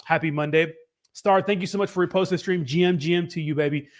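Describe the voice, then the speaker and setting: A man hosting a casual live stream with a slightly hoarse voice, hyping things up and greeting viewers in informal slang. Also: fairly high pitch, steady tone, fast. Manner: upbeat, informal hype with slangy shout-outs.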